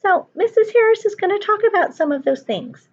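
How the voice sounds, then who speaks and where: A woman's voice: very high-pitched, lively intonation, fairly quick, muffled recording, voice pushed up. A woman voicing a sweet, polite young girl puppet helper in a cheerful kids show manner. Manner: cheerful, simple, childlike greeting of children.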